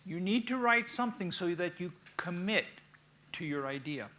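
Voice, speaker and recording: A woman's voice: fairly low pitch, lively intonation, normal speed, a bit bright, a little hiss or hum. A woman presenting from the podium at a conference workshop, giving instructions and posing questions to the audience. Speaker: presenter leading a reading workshop. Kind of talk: podium speech, interactive conference teaching.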